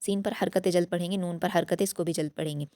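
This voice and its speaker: A woman teaching Quran recitation in a slow step-by-step lesson, patiently explaining each rule and then reciting the words slowly. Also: on the low side, fairly even intonation, dark tone, no echo.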